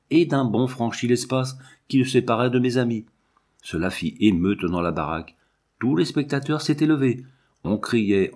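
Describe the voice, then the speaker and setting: A man narrating a children's storybook aloud, with an expressive, lively reading. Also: mid-range voice.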